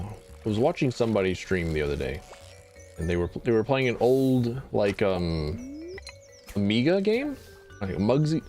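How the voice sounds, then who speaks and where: A man's voice: medium pitch, darkish tone. A young man streaming live, chatting casually in a rambling, self-deprecating way and swearing freely. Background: faint music.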